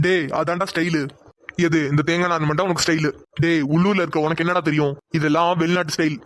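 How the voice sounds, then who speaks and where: A man's voice: a little high, flat delivery, fast, fairly bright tone, lightly acted. A man voicing several middle-aged brothers in a cartoon, pleading and emotional as they ask their sister for forgiveness. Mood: bickering. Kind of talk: cartoon voice acting.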